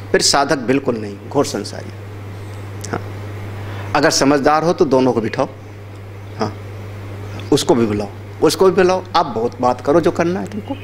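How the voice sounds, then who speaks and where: A swami teaching yoga philosophy gives a spiritual discourse on yoga scripture, explaining and repeating key terms, asking listeners rhetorical checks, and using everyday anecdotes with acted voices. His voice is a little high, with slight background noise.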